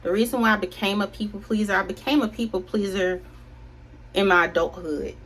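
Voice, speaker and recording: A woman's voice: mid-range voice, fairly quick, fairly bright tone, breathy edge. A young woman chatting casually to viewers while doing her makeup, rambling and confiding. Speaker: beauty vlogger.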